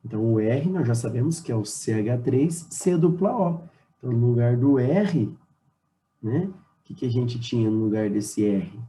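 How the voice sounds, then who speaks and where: A man teaching chemistry with a Brazilian Portuguese accent, solving exam questions and talking straight to his students, spelling formulas out slowly. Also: medium pitch, lively intonation, warm tone, poor audio. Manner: explanatory, addresses students directly, repeats formulas slowly. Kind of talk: exam solution lesson.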